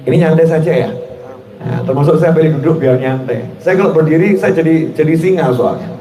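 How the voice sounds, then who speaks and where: A man with an Indonesian accent giving a sermon at a religious gathering, telling stories and jokes in a relaxed way and putting questions to the audience. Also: a little high, a little fast. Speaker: preacher. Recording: echoey hall, distant mic, background noise.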